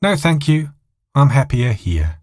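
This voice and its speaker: A man voicing a calm, steely young female flight attendant in an audio thriller story, firm and controlled. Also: medium pitch, unhurried, no echo, studio quality, pitched above the performer's own voice.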